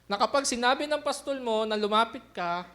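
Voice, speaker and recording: A man's voice: very high voice, animated, a little fast, sharp tone. A man preaching a sermon as pastor in an easygoing, conversational way, often checking in with the congregation through little tag questions.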